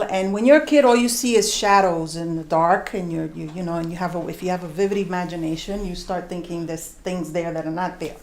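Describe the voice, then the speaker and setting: In a roomy-sounding space, a new storyteller from New York, USA, shares a tale live at a concert venue full of listeners. Her voice is mid-range, her manner animated and conversational, and she performs different voices while slowing for emphasis.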